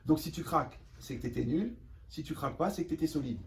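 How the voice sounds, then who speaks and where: The recording catches this man from a distance, with faint room noise, as he gives a lively spoken lesson to teenagers. He talks fast in a slightly high voice, animatedly repeating phrases, asking "vous me suivez," and acting out little scenes in quoted voices.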